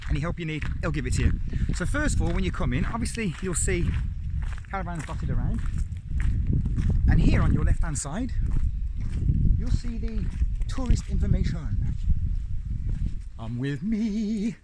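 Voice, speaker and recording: A man's voice: sits high, lively intonation, normal speed, long pauses. A man with an English accent, chatting and joking as he walks viewers around a campsite, recorded outdoors on a handheld camera. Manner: chatty, jokey guide. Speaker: campsite reviewer. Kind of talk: walking tour vlog. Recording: loud outdoor noise.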